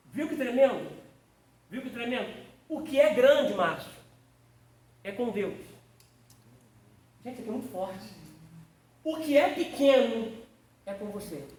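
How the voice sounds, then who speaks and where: A man, a pastor teaching a theology class in a fervent, exclamatory preaching style and calling on listeners by name. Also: sits high. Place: church classroom. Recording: roomy, distant mic, faint noise.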